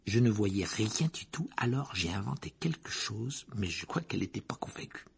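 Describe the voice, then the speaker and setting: A man reading an audiobook, voicing a dejected teenage boy who speaks low and flat. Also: normal speed, vocal fry, slight background noise. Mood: glum. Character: glum teenage boy, deflated.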